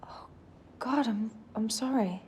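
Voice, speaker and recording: A woman's voice: on the high side, slow, darkish tone, slight background noise. A woman playing an uneasy, polite new neighbour in a film drama, hesitant and apologetic.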